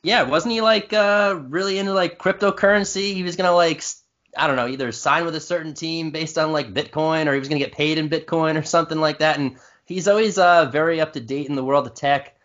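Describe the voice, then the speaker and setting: Man, podcast co-host, relaxed filler-heavy chat, slightly dull recording. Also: fairly high pitch, brisk. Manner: laid-back, filler-heavy, laughs often. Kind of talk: casual chat.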